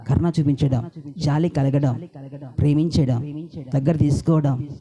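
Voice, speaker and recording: A man's voice: fairly high pitch, creaky. A male pastor preaching a sermon to church workers, asking the congregation rhetorical questions. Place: church hall.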